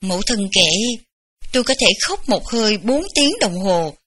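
A woman reading a memoir aloud in gentle, unhurried storytelling. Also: medium pitch, expressive, breathy edge. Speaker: audiobook reader.

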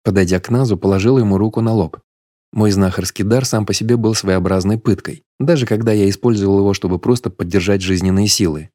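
A man narrating an audiobook in a steady, measured storytelling manner. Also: on the low side, no room sound, clean studio sound.

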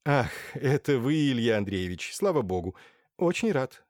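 A man voicing an excitable, jumpy young male painter in an audiobook. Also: mid-range voice, moderate pace, dry recording, clean studio sound, close to an everyday voice. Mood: eager. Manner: eager, jumpy. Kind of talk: audiobook character voice.

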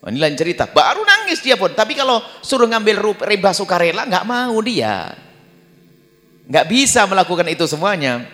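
Animated high-voiced male preacher in a hall. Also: moderate pace. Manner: animated, acts out quoted prayers in a low mumbling voice. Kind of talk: Islamic sermon. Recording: long reverb of a large hall.

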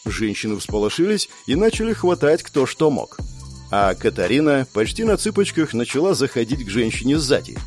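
Expressive male audiobook narrator. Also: mid-range voice, moderate pace, faint music behind. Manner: expressive storytelling.

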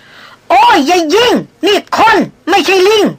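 A woman's voice: fairly even intonation, very fast, pushed and bright, exaggerated voice. Woman doing a squealing old hunter. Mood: panicked. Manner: high, panicked pleading, then sheepish. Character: old male jungle hunter, sheepish and pleading. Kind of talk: audiobook character voice.

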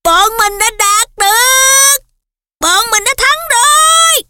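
A woman voicing a boisterous teenage schoolboy who yells in an audiobook. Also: extremely high pitch, expressive, slow, pitched above the performer's own voice, exaggerated voice. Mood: jubilant. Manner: shouting, jubilant.

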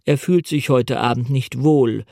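A man's voice: mid-range voice, a little slow, vocal fry, darkish tone, dry recording, studio quality. A man reading the part of a polite butler answering the telephone. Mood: formal.

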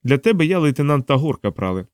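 Man playing a gruff lieutenant, stern, threatening, dry close sound. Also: on the high side, big pitch swings, fast, dry recording, voice pushed up. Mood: menacing. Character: gruff male lieutenant, menacing and commanding.

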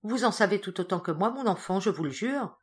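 A woman reading the part of a kindly elderly churchman, speaking gently and reassuringly in an audiobook. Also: medium pitch, expressive, fairly quick, lightly acted. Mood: consoling. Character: kindly elderly male churchman, calm and consoling.

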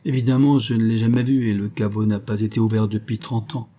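A man voicing a young melancholy heir of an old castle in a storybook reading, speaking in a pensive, low-voiced way. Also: level tone, brisk, warm tone, natural voice.

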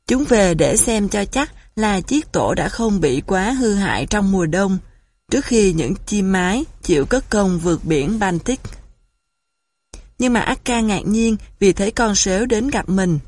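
A woman reading a children's storybook aloud in a calm, even narration. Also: medium pitch, unhurried. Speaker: audiobook narrator.

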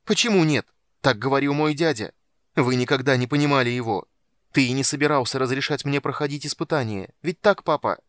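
A man's voice: lowish voice, brisk, dry recording, natural voice. A man reading an audiobook, voicing an impassioned young male mage who speaks in a raised, strained, defiant way.

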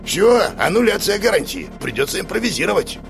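A man's voice: sing-song, moderate pace, vocal fry, music in the background. A man narrating a story voices an old, eccentric exorcist who mocks and lectures theatrically. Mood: sarcastic. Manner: mocking, theatrical, high-pitched. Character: old eccentric male exorcist, mocking and sardonic.

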